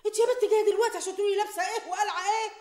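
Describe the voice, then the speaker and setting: An actress with an Egyptian accent playing a middle-aged mother and wife, loud and scolding, often breaking into laughter. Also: on the high side, very animated, fast. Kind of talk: film acting.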